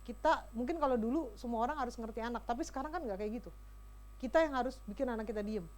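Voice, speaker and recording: Fast, high-voiced woman lecturing parents. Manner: lively, chatty, addresses audience directly. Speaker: parenting seminar speaker. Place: school hall.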